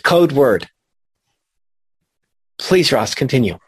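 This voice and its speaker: A man leading a spiritual study group, teaching in a slow, reflective and emphatic way. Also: mid-range voice, big pitch swings, husky, no echo.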